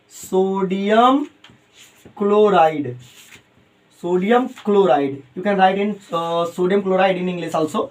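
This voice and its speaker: A man teaching a chemistry lesson at a coaching class. He calls his students "beta", repeats key terms slowly and mixes in English phrases. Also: high-pitched.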